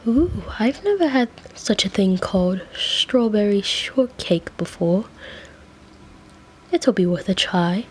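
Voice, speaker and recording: A woman voicing a gentle, fussy male angel bookseller in a whispered role-play, soft and stammering with endearments. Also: mid-range voice, expressive, takes it slowly, slight background noise. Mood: doting.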